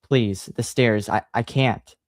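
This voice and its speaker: Man doing Lenore, a raspy wheezing woman. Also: mid-range voice, steady tone, slow, dry recording, studio quality, lightly acted. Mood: pleading. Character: raspy wheezing woman in her forties, uneasy.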